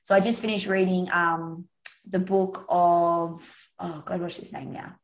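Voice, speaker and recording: A woman from Australia with an Australian accent, a podcast guest telling stories in a chatty, animated way over a remote call. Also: fairly low pitch, unhurried, low-quality recording. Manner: chatty storyteller, animated, frequent "you know" and "like". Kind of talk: casual podcast conversation.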